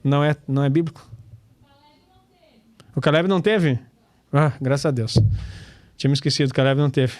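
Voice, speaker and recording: A man's voice: mid-range voice, a little fast, long pauses, darkish tone, dry recording. A man, teaching scripture in a casual, chatty way, calling listeners brother and laughing often. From Brazil. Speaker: pastor and Torah teacher.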